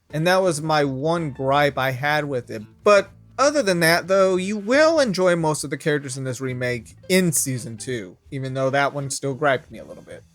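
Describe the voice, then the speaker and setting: A man hosting an anime review channel, talking casually and stumbling over his words when he is unsure. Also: a little high.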